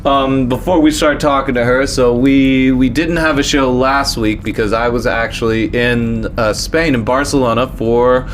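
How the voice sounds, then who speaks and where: A man hosting a casual comedy podcast, asking quick questions and chatting about his gigs. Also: medium pitch, fairly even intonation, slight background noise. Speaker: podcast host. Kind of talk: casual chat.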